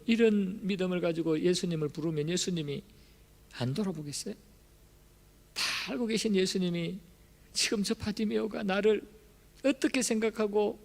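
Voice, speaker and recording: A male pastor preaching a sermon in a church, impassioned and emphatic, swinging between soft and loud delivery. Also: high voice, normal speed, vocal fry. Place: church sanctuary. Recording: long reverb of a church hall.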